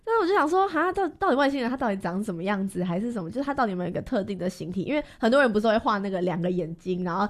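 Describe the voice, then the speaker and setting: Fast-talking young Taiwanese woman chatting. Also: mid-range voice, lively intonation. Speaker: podcast co-host. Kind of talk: casual chat.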